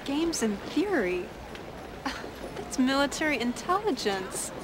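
A woman playing a cheerful, warm-hearted young would-be pilot in a film. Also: high-pitched, big pitch swings, slow pace, heavily acted. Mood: bright, affectionate. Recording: film soundtrack with loud background noise.

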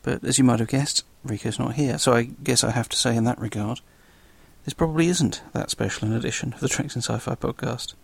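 A man's voice: mid-range voice, brisk, gravelly, breathy edge, no room sound. A man with a South London accent hosting a podcast solo, chatting casually in a dry, self-deprecating way. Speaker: guest podcast host.

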